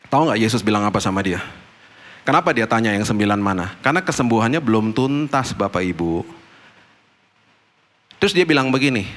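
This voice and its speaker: Lively pastor preaching with bright voice. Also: male voice, fairly quick, pauses often. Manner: storytelling sermon, acting out dialogue with big swings in pitch. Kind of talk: sermon.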